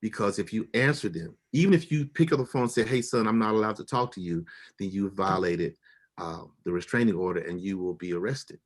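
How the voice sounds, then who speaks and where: A man's voice: on the low side, fairly quick. A middle-aged man telling a personal story with feeling, acting out the people he quotes with big jumps in his voice.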